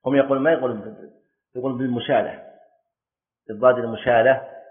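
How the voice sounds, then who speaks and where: A man's voice: medium pitch, fairly even intonation, fast. Man teaching, tinny recording. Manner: explains step by step and quizzes students; repeats key words for emphasis. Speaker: teacher of Islamic jurisprudence. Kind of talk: classroom lesson. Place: classroom with students.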